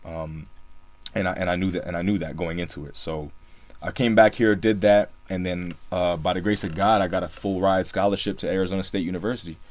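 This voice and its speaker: A young adult from Singapore, co-hosting a casual podcast, tells his story at a brisk clip. His deep voice keeps a steady tone, and he leans on lots of fillers in his relaxed delivery.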